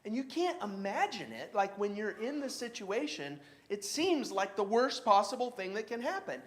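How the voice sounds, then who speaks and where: A man teaching a church Bible class in a casual, halting way, with many fillers and restarts. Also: sits high, big pitch swings.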